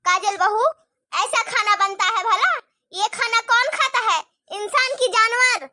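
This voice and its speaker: A woman's voice: very high-pitched, unhurried, no room sound, clean studio sound, full character voice. A woman voicing a nagging, taunting middle-aged mother-in-law in a cartoon story. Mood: scolding. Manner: sharp, taunting, complaining.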